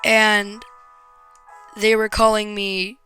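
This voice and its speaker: A woman vlogger telling a painful personal story to camera, frank and raw, with hesitant pauses and swearing when upset. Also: mid-range voice, flat delivery, sharp tone, clean tone, faint music behind.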